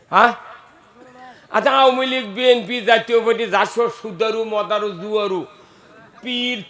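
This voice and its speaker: Male preacher, North Bengal Bangla accent, very high and bright voice, fiery delivery with shouts and questions to the crowd. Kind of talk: sermon.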